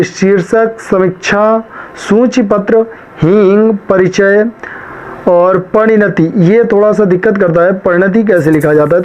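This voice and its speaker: A man teaching a spelling lesson, drilling words one after another, right and wrong, with much repetition. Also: high-pitched. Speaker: shorthand teacher. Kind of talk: spoken lesson. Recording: dull lo-fi sound.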